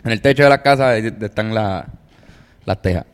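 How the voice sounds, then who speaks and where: A man's voice: fairly low pitch, moderate pace, smooth, long reverb tail. A man, co-hosting a podcast and teasing his guest in casual chat. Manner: joking, teasing. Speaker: podcast co-host.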